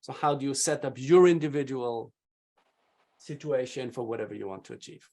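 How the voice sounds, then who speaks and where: A man speaking as a video presentation coach, answering interview questions in an energetic, emphatic way with shifting loudness. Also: medium pitch, moderate pace.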